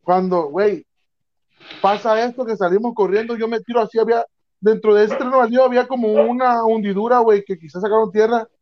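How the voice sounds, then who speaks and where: A man's voice: sits high, fast. Slangy young man telling a story. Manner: slangy, animated, acts out voices in his story. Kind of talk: casual storytelling chat. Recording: dull lo-fi sound.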